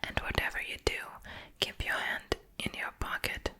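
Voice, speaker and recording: A woman voicing a shy, mortified teenage girl in a whispered role-play of a storybook reading, with a soft pleading whisper. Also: moderate pace, lightly acted.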